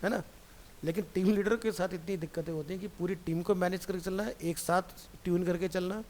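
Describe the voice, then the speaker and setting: A man's voice: high-pitched, fairly even intonation, brisk, darkish tone, slight background noise. A man teaching a computer class in a casual, chatty way, talking straight to a student and drifting off into stories. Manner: chatty, digressive, addresses student directly.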